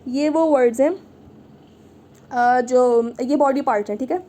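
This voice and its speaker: A woman's voice: high-pitched, measured pace, warm tone. A woman teaching an online Arabic class, patiently repeating and checking in with her students. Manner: patient, repeats "ठीक है" often.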